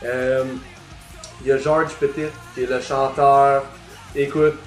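A Quebec man co-hosting a podcast talks casually about music, hesitant and full of fillers. His voice has a middle pitch and a roomy echo. Faint music sits underneath. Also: little pitch movement, slow. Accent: Quebec French. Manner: hesitant, many fillers and restarts. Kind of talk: casual chat.

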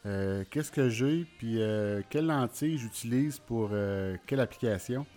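A man with a Quebec French accent talks casually as a podcast host, freshly recovering from wisdom teeth removal. He pauses often to find his words, at an average pitch, over guitar music. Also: warm tone. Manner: hesitant, informal, pausing often to search for words. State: talking while recovering from wisdom teeth surgery. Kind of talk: casual solo podcast talk.

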